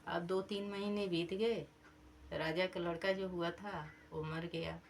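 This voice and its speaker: A woman telling a simple folk tale and closing it with its moral, in a plain, unhurried way. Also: fairly low pitch, steady tone, a little hiss or hum. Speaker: storyteller.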